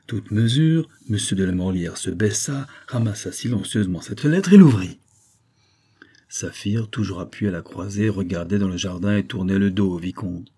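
A man narrating a classic novel as an audiobook in a measured, even reading. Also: fairly low pitch, slightly rough.

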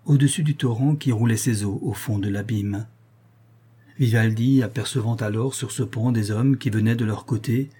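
A male audiobook narrator reading a classic novel in a measured, steady way. His voice is husky and mellow, with a dark, soft tone. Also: on the low side. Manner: measured storytelling. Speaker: audiobook reader. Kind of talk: scripted narration.

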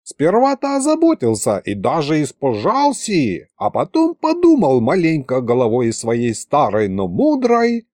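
An unhurried old grandfather, as a male narrator plays him, shrewd and kindly, coaxing in folksy speech. The reading is slow and close, with a dry sound. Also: on the high side, huge pitch swings, darkish tone, dry recording.

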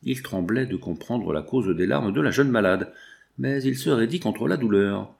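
Un homme qui lit un roman à voix haute, de manière posée et expressive. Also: male voice, on the low side, moderate pace, creaky. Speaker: lecteur de livre audio. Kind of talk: narration de roman lue.

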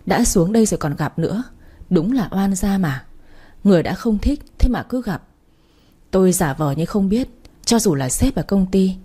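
A woman reading a first-person story aloud in a plain, steady way. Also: medium pitch, normal speed, husky.

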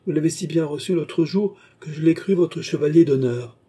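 Male reader as a sly, mocking prince with a dark husky voice. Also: a little high, normal speed, voice pushed up. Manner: teasing, insinuating. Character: mocking royal prince, middle-aged man. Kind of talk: audiobook character voice.

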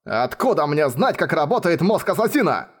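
A man's voice: fairly high pitch, big pitch swings, moderate pace, slightly rough, voice pushed up. A man doing a furious blustering merchant. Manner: shouting, indignant. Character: angry blustering male merchant, middle-aged.

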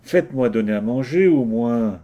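A man's voice: mid-range voice, animated, moderate pace, dark tone, highs cut off, close to an everyday voice. A man voicing a poor, stubborn young carpenter in a storybook reading, answering bluntly and resolutely. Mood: defiant.

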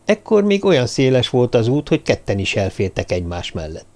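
Male audiobook narrator, lively pitch. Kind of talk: scripted narration.

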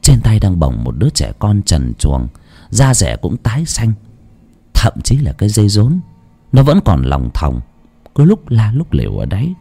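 Low-voiced man telling a ghost story. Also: wildly swooping pitch, normal speed, vocal fry, warm tone, husky.

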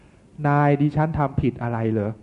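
A man's voice: medium pitch, a little slow, lightly acted. A monk putting on a tearful servant woman. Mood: pleading. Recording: tinny phone-like sound.

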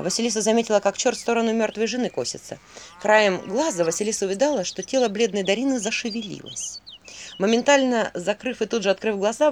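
A woman narrating a spoken folk tale with an expressive, vivid storyteller manner. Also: mid-range voice. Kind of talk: dramatic story reading.

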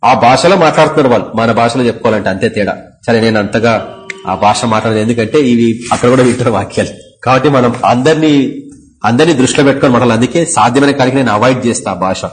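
A middle-aged man with a Telangana accent preaching a sermon as pastor, animated and acting out quoted voices with sudden jumps in pitch. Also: fast talker, low-quality recording. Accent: Telangana Telugu.

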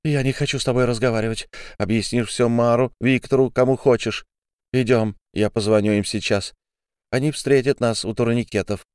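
A man reading an audiobook, voicing a furious, bitter young woman who hurls accusations in a shrill voice. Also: steady tone, normal speed, a little mellow, clear, resonant tone, no echo, clean studio sound, natural voice. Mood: curt.

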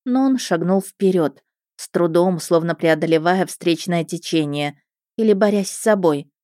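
A woman narrating a first-person story in a lively, expressive way. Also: fairly low pitch, moderate pace, no room sound, clean studio sound. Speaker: audiobook narrator.

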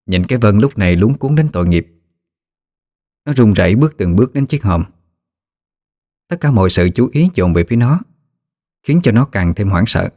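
Male narrator, lowish voice, steady scripted ghost-story reading. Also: normal speed, pauses often, no echo, studio quality.

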